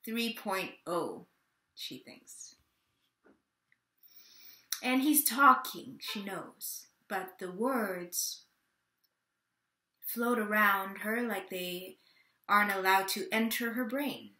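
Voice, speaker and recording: Recorded on a home webcam in a plain, roomy-sounding room, an actor reads on book a dramatic third-person monologue as a childlike mother lost in memory loss, puzzled and full of wonder. Her mid-range voice is bright and forceful, yet she moves slowly and haltingly, leaving lingering pauses.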